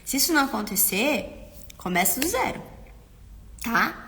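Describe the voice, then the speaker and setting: Woman, parenting host, slightly high, earnest and checking in often, long reverb on the voice. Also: big pitch swings, unhurried, fairly bright tone, slight background noise. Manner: earnest, keeps checking in with listeners; acts out parents and children in quotes. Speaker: parenting educator, host of a live stream. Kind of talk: instructive live-stream talk.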